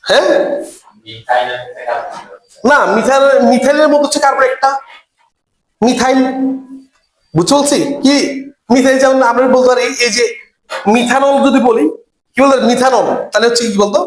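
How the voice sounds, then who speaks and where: A man's voice: extremely high pitch, fairly even intonation, moderate pace, pauses often. A man teaching a chemistry class, who keeps quizzing his students and repeating each key term. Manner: repeats key terms for emphasis. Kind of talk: classroom lecture. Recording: echoey room.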